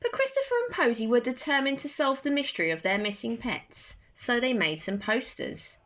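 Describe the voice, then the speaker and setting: With a voice on the high side, a young adult woman reads a bedtime tale to children in a slow, expressive, deliberate manner. She's in a bedroom, recorded on a phone held at arm's length that gives a slightly dull quality.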